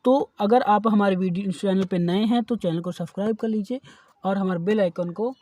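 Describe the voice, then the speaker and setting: A male teacher giving a grammar lesson, repeating key terms slowly and checking in often with "okay". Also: high voice, fairly even intonation, mellow, no room sound. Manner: repeats key terms slowly, then explains them in Hindi; frequent checking "ठीक है". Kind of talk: grammar lesson explaining definitions.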